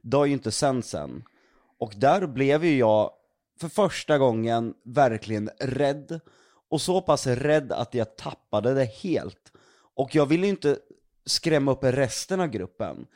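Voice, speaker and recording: A man co-hosting a casual podcast, telling ghost-hunting stories in an excitable way and swearing a lot. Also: medium pitch. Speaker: podcast co-host, ghost hunter.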